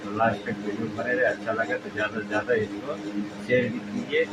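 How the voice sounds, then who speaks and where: Flat-voiced man narrating over loud noise. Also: lowish voice, quick pace, muffled recording. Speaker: video narrator. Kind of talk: casual commentary to viewers.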